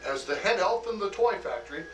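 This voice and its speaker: A man playing a hearty, fatherly old Santa Claus in an acted greeting monologue, chuckling often and talking in a slow, homely way full of "oh" and "why". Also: high voice, lively intonation, reverberant, far from the mic, faint music behind, rough recording. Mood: jolly.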